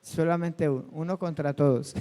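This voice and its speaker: A man's voice: high voice, a little mellow. A male pastor preaching a sermon in a conversational way, asking his congregation questions and telling personal stories. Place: church hall. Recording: long hall reverb.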